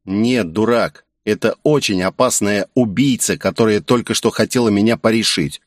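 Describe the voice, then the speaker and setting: A man's voice: on the low side, moderate pace, no room sound, clean studio sound, pitched above the performer's own voice, close to an everyday voice. A man voicing a serious young man with secret powers who speaks firmly and earnestly. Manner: firm, earnest, persuasive.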